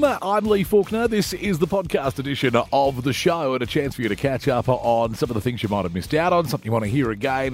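An Australian man hosting a radio show in a conversational, matey and informal way. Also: medium pitch.

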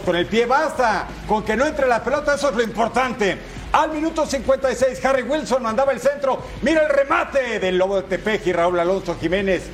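A man giving football highlights commentary in a colloquial, exclamatory way, talking straight to the viewer.

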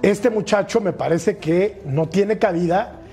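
A man's voice: sits high, measured pace, dark tone. A man, a sports pundit, making blunt points while stressing respect in a studio debate. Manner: polite but challenging.

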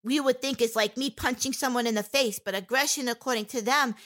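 A woman with a somewhat raised voice gives personal testimony in an interview. She speaks candidly and haltingly, often stopping to restart a sentence. Fillers fall all through her speech. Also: fairly high pitch, a bit bright.

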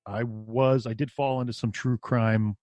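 A man's voice: medium pitch, level tone, measured pace, a little mellow, no echo. A man chatting casually as a guest on a true crime podcast. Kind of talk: casual chat.

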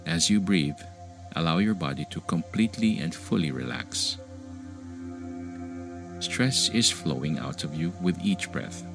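Meditation guide, male: very low, gravelly voice, soothing sleep-story delivery, unhurried. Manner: unhurried, calming, gentle instruction. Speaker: meditation podcast host and guide. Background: music behind the voice.

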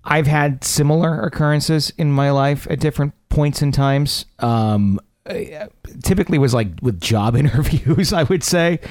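A man's voice: a little high, moderate pace, darkish tone, dry recording. A man hosting a talk show, speaking in a casual, conversational way into a close studio microphone.

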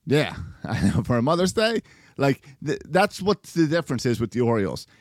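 A man co-hosting a sports podcast, chatting casually and telling stories in an animated way with quoted asides. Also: mid-range voice, moderate pace, dry recording, clean studio sound. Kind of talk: casual baseball chat.

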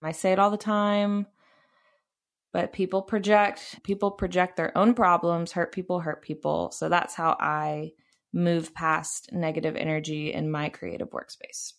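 A woman's voice: lowish voice, little pitch movement, a little slow, gravelly. A young woman hosting a podcast, talking candidly and casually, swearing freely and laughing now and then as she gives advice from a bubble bath. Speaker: podcast host.

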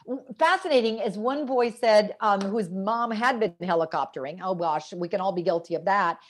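A woman's voice: mid-range voice, normal speed. A middle-aged woman speaking as an expert guest in an interview, telling stories animatedly and acting out what kids told her. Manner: animated storyteller, acts out quoted kids. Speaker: guest expert, educational psychologist. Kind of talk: conversational interview.

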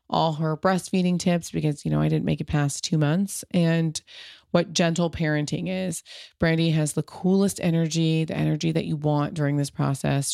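A woman's voice: low voice, gravelly, darkish tone, dry recording, clean studio sound. A woman podcast host from Pasadena, enthusiastic and chatty, introducing her guest and asking questions. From Pasadena, California. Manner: enthusiastic, chatty, laughs easily. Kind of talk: podcast intro and casual interview.

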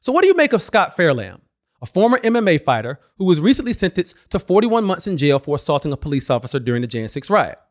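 A man's voice: fairly high pitch, big pitch swings, quick pace. A man delivering scripted political commentary as a host, with a sarcastic, mocking manner.

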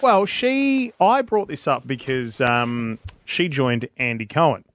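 A man's voice: mid-range voice, animated, slow, fairly bright tone. A man hosting a radio show, chatty and upbeat as he drives the segment. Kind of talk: casual chat.

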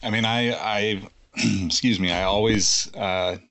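A man's voice: on the low side, fairly even intonation, slow pace, fairly bright tone. A man co-hosting a podcast in casual chat, rambling with many restarts and fillers. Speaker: podcast co-host.

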